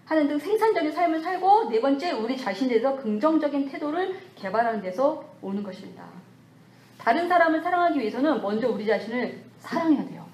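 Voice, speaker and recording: A woman giving a church lecture to an audience, lively and animated, acting out scolding and comforting self-talk. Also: high voice, fast talker, roomy sound. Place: church hall.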